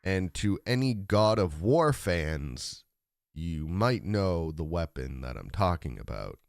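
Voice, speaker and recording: A man talks through a live game stream, unhurried and rambling to his chat. His voice sits very low and comes out deep and raspy from a rough throat. The sound is dry and close, with no room around it. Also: very animated, dry recording. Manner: rambling, humming along while playing. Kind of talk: live gameplay commentary.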